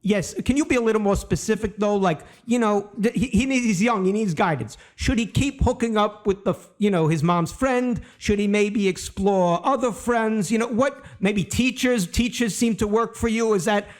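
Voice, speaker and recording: A man's voice: sits high, moderate pace, few pauses. Brash, mock-indignant podcast co-host man. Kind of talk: comedic sports podcast banter.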